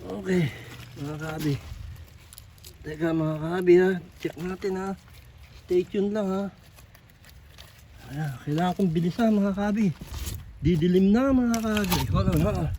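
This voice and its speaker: High-voiced man chatting outdoors by the shore. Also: normal speed, long pauses, warm tone, a little hiss or hum. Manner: chatty, repetitive, addresses viewers constantly. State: out of breath. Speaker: vlogger. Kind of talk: casual on-the-spot vlog narration. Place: outdoors on a rocky shoreline at low tide. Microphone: camera on a tripod.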